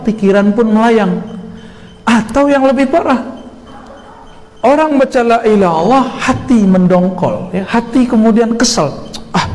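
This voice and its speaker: A man preaching to a congregation, lively and full of rhetorical questions. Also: high-pitched. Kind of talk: sermon. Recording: long hall reverb with faint noise.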